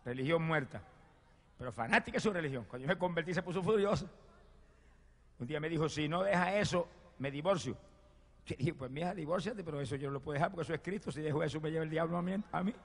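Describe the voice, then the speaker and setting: Man, preacher, fervent sermon with personal testimony, fairly high voice, reverberant hall. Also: rapid-fire. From Puerto Rico. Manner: fervent, swings from loud exclamations to hushed storytelling. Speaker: evangelist preacher.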